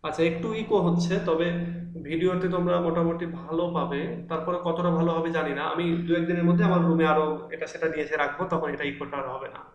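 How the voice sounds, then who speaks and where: A man's voice: a little high, steady tone, a little fast, dull audio. Man teaching in a bare, echoing room. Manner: explains patiently with many fillers and restarts. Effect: echo from an empty room. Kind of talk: online class lecture. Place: large, mostly empty room. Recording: echoey empty room, faint noise.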